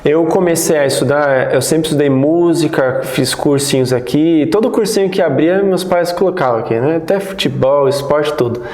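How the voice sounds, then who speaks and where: A man in his thirties, born in the United States, recalling his childhood as a guest in a relaxed, rambling interview. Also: on the high side, moderate pace, few pauses. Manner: relaxed, rambling, many restarts. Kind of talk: casual interview storytelling. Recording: roomy echo.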